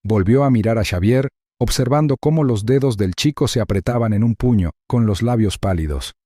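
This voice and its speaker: A man giving measured, suspenseful scripted narration of a thriller story. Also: on the low side, mellow, no room sound, clean studio sound.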